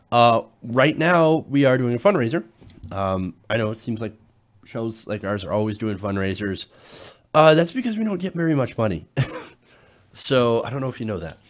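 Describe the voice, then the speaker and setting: A fairly low-voiced man hosts a casual political talk show, sounding nasal as he recovers from a cold. He's chatty and loose, with plenty of filler sounds.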